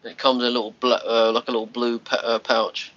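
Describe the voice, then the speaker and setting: Holding his phone at arm's length, a man from Scotland in his thirties livestreams from a sofa in a small bedroom, chatting loosely with viewers, rambling and restarting his words, slightly congested. His medium-pitched, fairly bright voice barely moves in pitch and runs a little fast, and the lo-fi phone audio reflects the setup.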